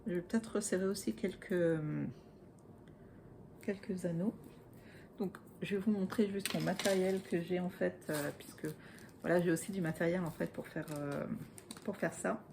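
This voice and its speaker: A woman in her forties from Alsace, France, chats casually in a show-and-tell knitting vlog. Her voice is lowish and gravelly with fairly even intonation at a normal speed, full of fillers and stitch counts muttered under her breath. Her hands tremble and she sounds apologetic, with a noisy background.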